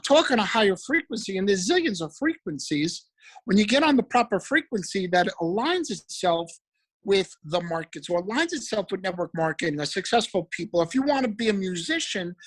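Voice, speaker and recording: A man giving an energetic, preachy motivational talk about trading, repeating affirmations. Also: high voice, slightly rough, poor audio. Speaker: motivational speaker for a trading group.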